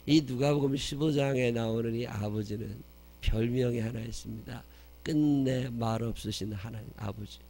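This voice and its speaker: A man preaching a sermon as pastor, telling stories with loud emphasis and dropping soft for tender quotes. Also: mid-range voice, creaky.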